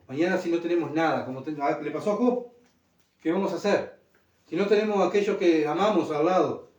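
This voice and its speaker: A man's voice: a little high, a little mellow. A man preaching a sermon as pastor, earnestly putting rhetorical questions to the congregation. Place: church hall. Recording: roomy church sound from a distant mic.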